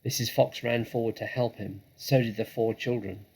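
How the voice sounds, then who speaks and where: A man narrating a children's story dramatically, with expressive, suspenseful phrasing. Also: mid-range voice, normal speed, breathy edge, poor audio. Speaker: storybook reader.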